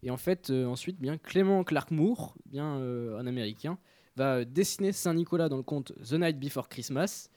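A young man reads through his radio chronicle in a casual, halting way, peppering it with fillers and restarts. His voice sits at a middle pitch, and it is recorded close and dry with no room sound. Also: expressive, dark tone, dry recording. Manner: hesitant, many fillers. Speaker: radio show columnist.

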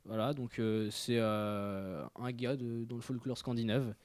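Young guy doing his radio segment, lots of euhs, dry close mic, middle pitch. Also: little pitch movement, unhurried, darkish tone, dry recording. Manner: hesitant, many fillers. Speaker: radio show columnist. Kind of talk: casual radio chronicle.

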